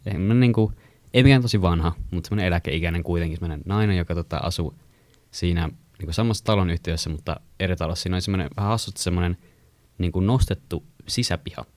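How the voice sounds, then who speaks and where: A young man from Finland casually telling a long story to friends, rambling with many fillers and getting animated when he quotes people. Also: low-pitched, no echo.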